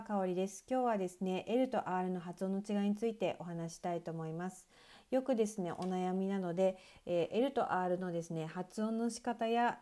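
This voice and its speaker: A woman teaching English pronunciation in a patient online lesson, explaining slowly with many filler pauses. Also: medium pitch, dark tone.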